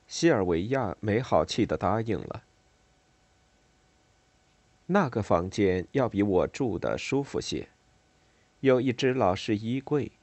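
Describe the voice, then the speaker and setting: Low, expressive male audiobook narrator. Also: dry recording. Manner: measured reading with expressive, varied intonation. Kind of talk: scripted novel narration.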